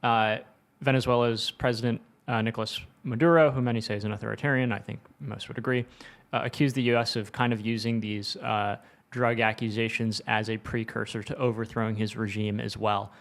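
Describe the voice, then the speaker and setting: A man co-hosting a news show, speaking in a relaxed, casual way with many fillers and reading quotes aloud. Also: fairly low pitch, fairly quick, vocal fry.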